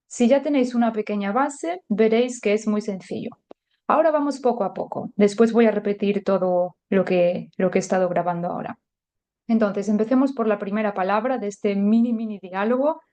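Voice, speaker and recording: Mellow-voiced woman teaching a language. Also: medium pitch, fairly quick. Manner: chatty and explanatory, many filler words. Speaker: German teacher. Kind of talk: podcast language lesson.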